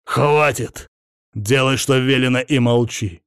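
A man reading an audiobook, voicing a domineering wealthy husband who shouts with scorn. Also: mid-range voice, steady tone, slow, clear, resonant tone, dry recording, studio quality. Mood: furious.

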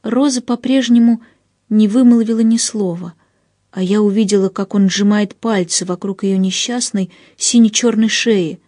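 A woman narrating an audiobook in the first person, with an expressive storytelling delivery on a close mic. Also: medium pitch, normal speed, dry recording.

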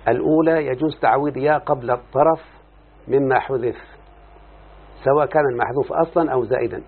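A man with a husky, mid-range voice teaches Arabic morphology, explaining a text in a classroom lesson. He often pauses to question and address his listener. The recording has a muffled, lo-fi, phone-like quality.

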